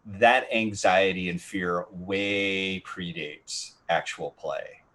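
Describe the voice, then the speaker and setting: A man's voice: low voice, steady tone, slow pace, sharp tone. An older man speaking reflectively and reassuringly as a panelist. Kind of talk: panel discussion.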